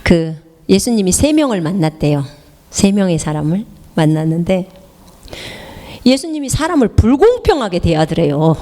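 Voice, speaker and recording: A woman missionary preaching a sermon, pressing the listener with rhetorical questions and dropping now and then into hushed whispered asides. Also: lowish voice, big pitch swings, moderate pace, long reverb tail. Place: church hall.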